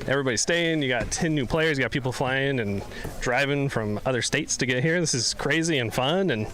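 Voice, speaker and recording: A man's voice: medium pitch, a little fast, fairly bright tone, a little hiss or hum. Casual male athlete in a post-game interview. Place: outdoors at a sports event.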